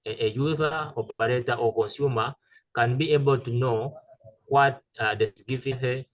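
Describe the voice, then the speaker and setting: A man giving a halting technical presentation over a video call, with many fillers and restarts. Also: medium pitch, fairly even intonation, poor audio. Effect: heard over a video call. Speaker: presenter pitching a solar tool.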